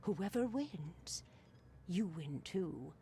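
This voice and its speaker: A mysterious fortune teller from a video game, low for a female voice and very unhurried. She teases in cryptic, theatrical phrases over faint ambient noise. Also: expressive, mellow, heavily acted. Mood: prophetic.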